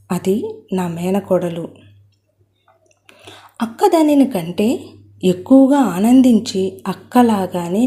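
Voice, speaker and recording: A woman voicing a hot-tempered, stubborn young man who shouts indignantly. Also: mid-range voice, close to an everyday voice.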